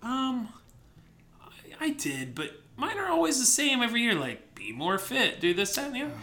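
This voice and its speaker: A man's voice: very high voice, huge pitch swings, normal speed, pushed and bright. A man co-hosting a podcast in a bar, telling stories in a chatty way and laughing often, with a sore throat. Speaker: podcast co-host. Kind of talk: casual chat.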